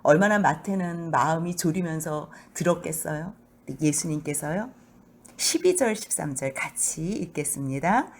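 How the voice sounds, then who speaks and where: A middle-aged woman pastor giving a sermon in a church, telling the story with lively acted-out voices. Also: low-pitched, moderate pace, slight background noise. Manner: animated storytelling, acting out voices of mockers.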